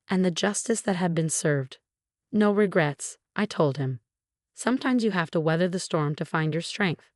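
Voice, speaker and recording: Female story narrator, measured scripted read, low pitch, dry close sound. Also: no echo.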